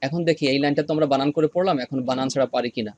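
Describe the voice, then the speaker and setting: A man teaching an online Quran reading lesson, patiently repeating each sound slowly for practice. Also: mid-range voice, darkish tone, no room sound, muffled recording.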